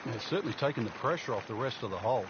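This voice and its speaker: A man working as a golf commentator, giving measured, explanatory analysis of the play. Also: medium pitch, expressive. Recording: dull lo-fi game audio, faint noise.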